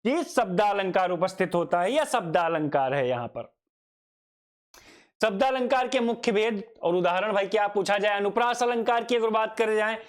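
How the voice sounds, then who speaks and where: A man's voice: high-pitched, lively intonation, normal speed. A man teaching a grammar lesson, asking himself questions, repeating each definition and calling his students "child". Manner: addresses students fondly as child. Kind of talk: Hindi grammar lecture.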